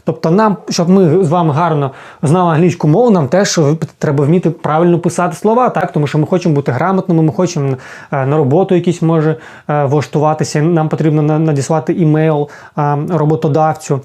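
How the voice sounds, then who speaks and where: Man teacher, quick delivery, warm mellow tone, chatty lesson explanation. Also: on the high side, fairly even intonation. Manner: fast-paced, frequent fillers and restarts, checks in with "так?". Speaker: English teacher.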